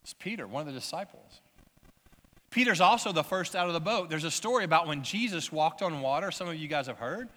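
A man's voice: fairly high pitch, animated, a little fast, pushed and bright, long reverb tail. A man preaching a sermon as pastor, telling the story in a conversational way and asking his listeners questions.

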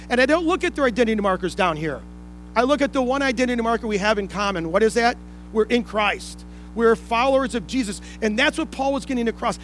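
This rough recording captures a man preaching indoors to a congregation in an extremely high, slightly bright voice. He goes through his points one by one, asking rhetorical questions and repeating key phrases for emphasis.

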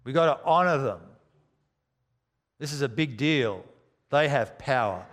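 A man preaching a sermon with dramatic, deliberate emphasis, using rhetorical questions and repetition. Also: mid-range voice, lively intonation, fairly bright tone. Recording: echoey hall with long reverb.

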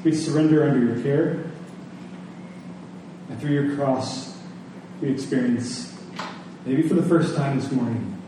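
Speaking at medium pitch, a man preaches as a pastor in an echoey hall before his congregation, earnest and deliberate throughout. He leans on rhetorical questions and purposeful pauses, and the sermon closes with prayer. The audio is distant, echoey, and faintly noisy.

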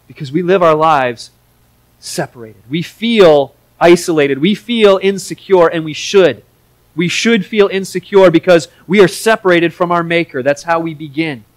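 A man's voice: a little high, moderate pace. A male pastor preaching a sermon with a slightly raised voice. He talks in an earnest, conversational way and sometimes restarts his phrases. The sound is dry and close, with little room echo.

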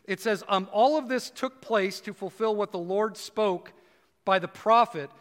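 A man preaching a conversational sermon, dropping low and slow for emphasis. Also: long reverb tail. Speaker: pastor.

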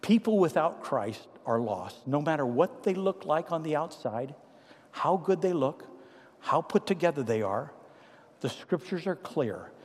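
An older male pastor delivers a sermon with a fairly high voice. He tells stories emphatically, rising to loud declarations and dropping to hushed asides. His voice carries a long reverb from the church hall. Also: sing-song, a little slow, breathy edge. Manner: emphatic storytelling preacher, swinging from loud to hushed. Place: church sanctuary.

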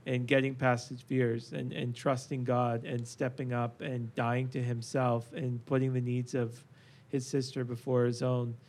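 An earnest man hosts a casual faith discussion at an average pitch. He presses his points with emphasis and often restarts with "um" and "and". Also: level tone, a little slow, few pauses, a little mellow. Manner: earnest, emphatic, many fillers. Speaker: podcast host.

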